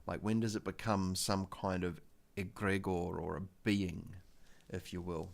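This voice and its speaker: Hosting a relaxed livestream, a New Zealand man rambles haltingly into a desk mic, full of fillers and false starts. His voice is low and steady, with some vocal fry.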